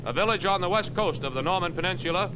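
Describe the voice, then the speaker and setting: A man with a high, crisp voice narrates in the measured manner of a 1940s wartime newsreel announcer. It sounds like an old newsreel soundtrack, with loud hiss and engine noise underneath. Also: expressive. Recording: noisy archival film soundtrack.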